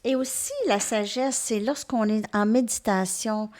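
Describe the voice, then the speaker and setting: A woman gives a tarot reading to her viewers, gently reassuring them and often checking in with them. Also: a little high, fairly even intonation, a little slow. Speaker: tarot reader.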